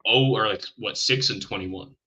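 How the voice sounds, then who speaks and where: Husky-voiced man in casual sports talk. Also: on the low side, normal speed, lo-fi sound. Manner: animated, hedging with restarts and self-deprecating asides. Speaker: podcast co-host.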